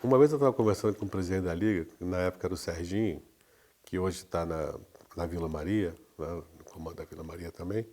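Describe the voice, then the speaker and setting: A man, a guest in an interview, explaining in a relaxed way with frequent tag questions. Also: deep voice, fast talker. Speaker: guest, carnival designer. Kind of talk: casual interview talk.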